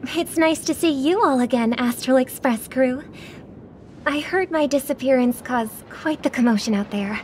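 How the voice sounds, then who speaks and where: An actress voicing a graceful young singer, speaking softly and earnestly in a video game. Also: female voice, high-pitched, normal speed, a little hiss or hum, close to an everyday voice. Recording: game audio with music behind.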